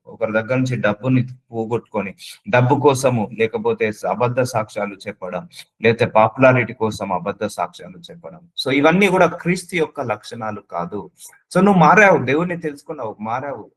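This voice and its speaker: A man's voice: medium pitch, brisk, rough recording. A man preaching a sermon, earnestly addressing the listener with repeated questions and slipping English words into his speech.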